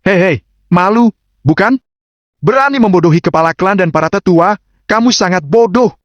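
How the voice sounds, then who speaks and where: Man voicing a mocking arrogant young man, high strained sneer, slow taunting drawl, dull dry sound. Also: no room sound, close to an everyday voice. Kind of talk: audiobook character voice.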